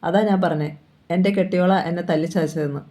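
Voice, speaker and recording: A woman's voice: lowish voice, fairly even intonation, brisk, mellow, lightly acted. A woman reading the lines of a troubled male novelist in a novel, in a hesitant, plain way. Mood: uneasy.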